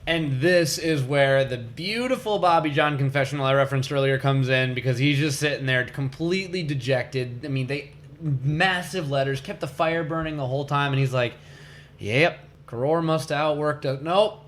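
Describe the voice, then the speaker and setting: A man co-hosting a casual podcast recap, opinionated and animated in his retelling. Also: medium pitch, moderate pace, a little hiss or hum. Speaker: podcast co-host.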